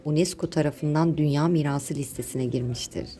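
Woman doing travel vlog voiceover, deep mellow voice, informative, talks to viewers like friends. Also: brisk, faint music behind. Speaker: travel vlogger and narrator. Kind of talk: scripted travel vlog narration.

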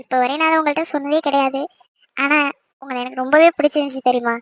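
A woman playing a high-voiced shy young wife. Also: steady tone, fast, no echo, clean studio sound, lightly acted. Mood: affectionate. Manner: coy, affectionate, sweetly protesting. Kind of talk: cartoon voice acting.

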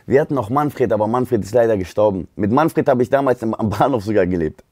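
A man from Germany, telling stories on a livestream in an animated, slang-heavy way. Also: lowish voice, fast, no echo, studio quality. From Speyer area, southwest Germany. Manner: animated, street slang, frequent "Bruder" and "gell". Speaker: streamer and rapper. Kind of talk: casual livestream storytelling.

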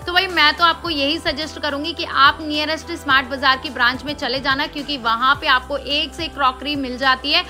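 A woman's voice: high voice, fairly even intonation, a little fast, hardly any pauses, bright, forceful tone, faint music behind. A woman talking through a casual shopping vlog in a chatty, enthusiastic, salesy way. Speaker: shopping vlogger.

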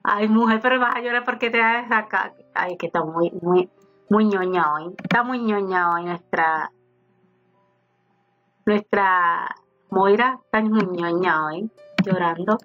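A gaming YouTuber with a medium-pitched voice and moderate pace offers casual let's-play commentary, chatting to her game characters as she plays. The home recording sounds slightly dull, with faint game music behind her.

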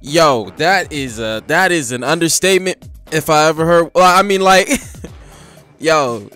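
A man hosting a reaction video, talking in excitable slang and laughing often. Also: fairly high pitch, unhurried, smooth, faint music behind. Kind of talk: casual reaction commentary.

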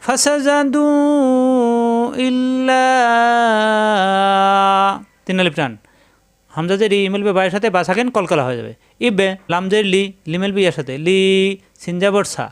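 A man with a high, smooth, resonant voice leads a tajweed lesson. He explains each rule slowly and repeats it. He breaks off into long, chanted recitation of the words he is teaching. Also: lively intonation.

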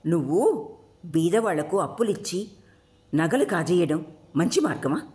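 A woman storyteller voicing a defiant teenage daughter who shouts back at her parents. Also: lowish voice, sing-song, measured pace. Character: defiant rebellious teenage girl Shabari.

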